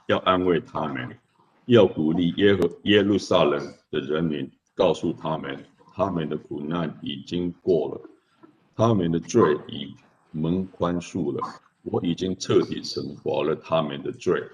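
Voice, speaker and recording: A man, serving as a church elder, reads scripture aloud in a measured, declamatory way. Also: a bass voice, a little mellow. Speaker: church elder leading worship. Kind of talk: scripture reading. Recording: dull lo-fi recording with faint noise.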